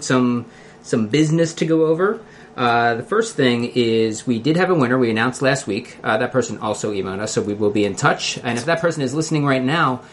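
Philly accent guy hosting a laid-back podcast, kinda halting, noisy room. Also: medium pitch. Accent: Philadelphia. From Philadelphia area, United States. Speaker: podcast host.

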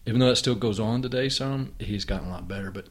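A man hosting a conversation with his wife, reflective and unhurried, with frequent restarts. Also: lowish voice. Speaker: podcast host and author.

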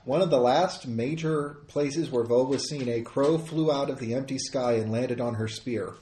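A man's voice: medium pitch, normal speed, dark tone. A man playing a tabletop game, chatting casually in a wordy, explanatory way. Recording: echoey room, noisy, clicks.

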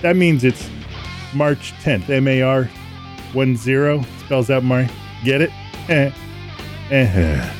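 A man's voice: mid-range voice, expressive, slow pace, pauses often, soft background music. A man hosting a live podcast, reading out date trivia and slipping in corny jokes and puns. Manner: jokey, punny asides. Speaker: podcast host.

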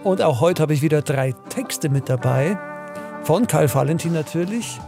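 A man's voice: a little high, lively intonation, moderate pace. A male podcast host giving a friendly spoken introduction to a reading. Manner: friendly, announcing. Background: music.

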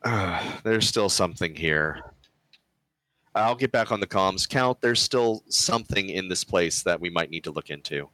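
A man's voice: low voice, expressive, moderate pace, bright, forceful tone, no room sound. A man playing in a tabletop game, talking hesitantly and thinking aloud. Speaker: player. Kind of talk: casual tabletop game chat.

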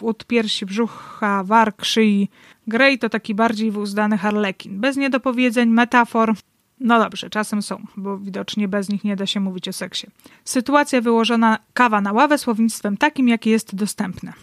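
A woman's voice: medium pitch, normal speed. A woman talks through literature in a wry, analytical way, with a dryly ironic edge. She sits close to the mic in a dry, dead sound with no room echo. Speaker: book reviewer. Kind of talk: literary commentary with read-aloud excerpts.

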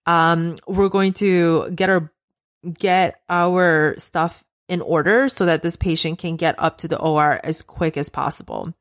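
A woman's voice: lowish voice, steady tone, a little slow, no room sound, studio quality. A woman hosting a nursing podcast, explaining steps in a plain, matter-of-fact teaching voice. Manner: instructive, matter-of-fact, direct second-person guidance. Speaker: podcast host, nurse educator. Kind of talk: podcast lecture.

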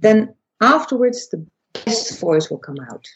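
A woman's voice: sing-song, a little slow. Woman, voice coach, explanatory, restarts often, slightly dull recording. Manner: demonstrates pitch shifts, squeaky high then low voice. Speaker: voice and persuasion coach, guest. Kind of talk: interview conversation.

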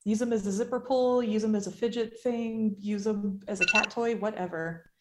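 A woman's voice: mid-range voice, fairly even intonation, moderate pace. A woman chatting casually as a podcast guest, with a self-deprecating, joking way of talking, recorded in an echoey indoor space. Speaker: guest artist. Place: indoors in an artisan shop space. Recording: echoey room.

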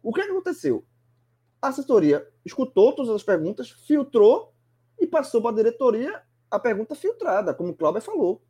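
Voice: medium pitch, sing-song, a little fast, warm tone, slightly rough. A sports commentator, talking animatedly and emphatically in a casual sports chat, often restarting words.

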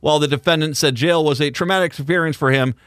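A man hosting a radio talk show, speaking in an animated, conversational and emphatic way. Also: a little high, fast talker, dry recording, studio quality. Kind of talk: live radio talk and news commentary.

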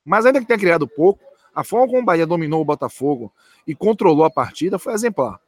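Man, fairly high voice, emphatic post-match football analysis, repeats points, dry close sound, speaking from stadium stands. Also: animated, fast, no echo. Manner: emphatic, repeats key words.

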